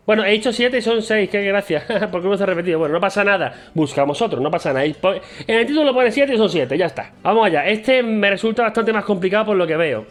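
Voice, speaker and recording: A man from Spain with a Spain Spanish accent talks straight to camera in a loose, chatty vlog. His voice sits high for a man, and his tone is playful and self-mocking. Faint guitar music plays behind him. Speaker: vlogger. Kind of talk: casual chat to camera.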